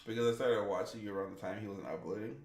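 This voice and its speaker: Speaking at a racing clip in a lowish, gently mellow voice, a male game streamer chats and meanders while voicing his audience's comments. Echo from a roomy space colors the recording.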